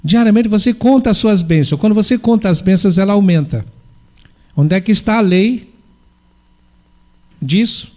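A man's voice: high voice, normal speed, pauses often, mellow. A man giving a spiritual sermon, posing rhetorical questions and answering them himself. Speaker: spiritual lecturer. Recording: dull lo-fi recording.

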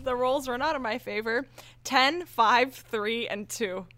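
A woman's voice: fairly high pitch, measured pace, background noise. A woman playing a tabletop game, playful and often giggling. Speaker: player.

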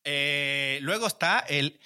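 A man's voice: a little high, takes it slowly, pushed and bright, smooth. A man in casual podcast chat, explaining at length and laughing often.

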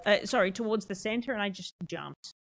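A woman with a creaky, mid-range voice chats casually and a little fast while live-streaming a game, laughing often and replying to her chat. Music plays behind her voice.

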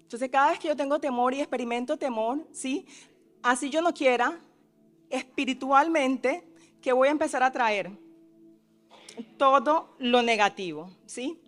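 Soft music plays behind a woman whose voice sits high as she preaches at a measured pace, pausing often. She poses frequent questions to her listeners, including tag questions, and voices the disciples' cries with mounting intensity.

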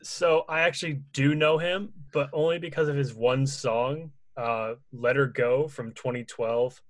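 A man's voice: mid-range voice, measured pace, no echo. A man co-hosting a casual album review, rambling and self-mocking with jokes. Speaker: co-host of a review show. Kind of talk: casual music review chat.

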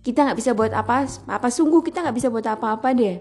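A woman's voice: on the high side, quick pace, a little mellow, faint music behind. A woman hosting a casual solo podcast, chatty and playful, laughing at her own jokes and acting out little scenes. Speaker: podcast host.

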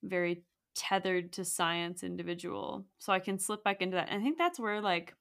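A woman's voice: lowish voice, moderate pace, gravelly, fairly bright tone. A woman guest in a casual podcast conversation, talking reflectively and loosely, with many fillers and frequent laughs.

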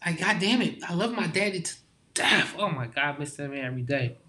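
A young male guest with a slightly high voice talks in a loose, heartfelt conversation. He uses lots of informal slang and halting restarts as he works through his thoughts, with lively, bright, pushed intonation.

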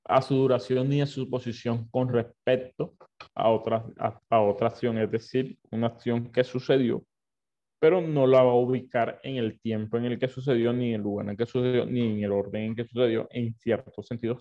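A man teaching a Bible lesson, explaining slowly and often repeating and correcting himself. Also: mid-range voice, fairly even intonation, mellow, muffled recording.

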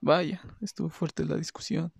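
A man voicing a calm uncle who reassures his brother. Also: a little high, measured pace, gravelly, breathy edge, no room sound, exaggerated voice. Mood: reassuring.

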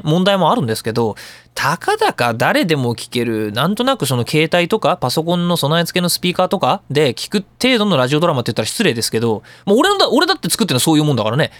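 A radio talk show host who is also an audio engineer explains sound editing in a chatty, opinionated, colloquial monologue. His fairly high, a bit bright voice swings hugely in pitch and goes very fast, and the recording is dry.

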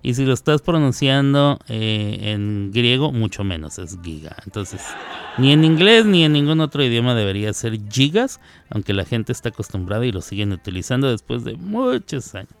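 A man's voice: mid-range voice, big pitch swings, moderate pace, gravelly. A man hosting a radio show, talking casually and drifting off on tangents as he corrects himself. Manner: rambling, digressive, self-correcting. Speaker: radio host.

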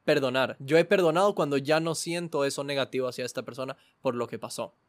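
A man's voice: medium pitch, fast, no echo. A man in a casual chat, reasoning through an idea step by step.

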